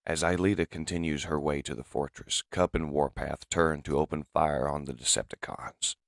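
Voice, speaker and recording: A man narrating a comic dub in steady, descriptive storytelling. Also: extremely low pitch, normal speed, creaky, no room sound, clean studio sound.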